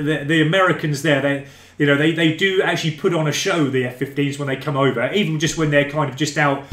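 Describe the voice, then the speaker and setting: Man, gaming streamer, rambling casual chat, slightly high voice, echoey room. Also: fairly bright tone. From England. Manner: rambling, chatty, calls viewers mate and guys. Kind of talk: casual live-stream chat, reading viewer comments. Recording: roomy echo.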